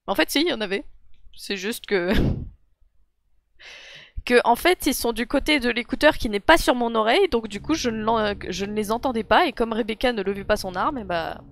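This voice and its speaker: A woman's voice: fairly high pitch, animated, moderate pace, gravelly, dry recording. Giggly young woman streaming a game. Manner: giggly, self-mocking, talks to chat. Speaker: gaming streamer. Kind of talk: let's play commentary. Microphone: desk mic with headphones.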